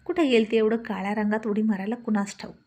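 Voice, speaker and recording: A woman's voice: mid-range voice, steady tone, fast talker, darkish tone, close to an everyday voice. A woman voicing a chatty young village woman who teases a newcomer. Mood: teasing.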